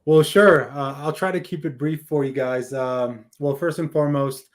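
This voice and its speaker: Born in Afghanistan and raised in California, a man with an American accent appears as an interview guest, sharing his personal story conversationally. His voice is a little high, with fairly even intonation and a moderate pace.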